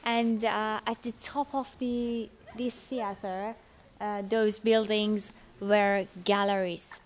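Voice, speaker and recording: A travel vlogger in her thirties from Iran, not an English speaker, gives a chatty, curious walking tour of ancient ruins outdoors, holding the camera at arm's length. Her medium-pitched voice is level and slow, with a little hiss or hum in the audio, and her phrasing is nonnative.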